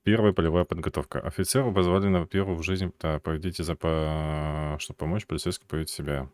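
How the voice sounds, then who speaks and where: A man's voice: very deep voice, steady tone, quick pace, a little mellow. A man giving casual let's play commentary in short, offhand, muttered reactions. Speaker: gamer.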